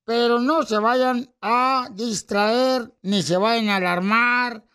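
A man's voice: extremely high pitch, steady tone, takes it slowly, sharp tone, smooth, full character voice. A man playing Casimiro, a goofy male joke teller on a radio comedy show, who rambles, repeats himself and makes sound effects. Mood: joking.

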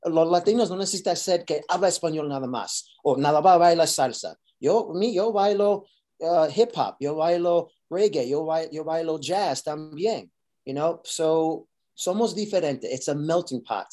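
Bilingual man with a dark, mellow voice. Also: fairly high pitch. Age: adult. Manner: mixes Spanish with English phrases; halting, searches for Spanish words. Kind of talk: casual interview talk.

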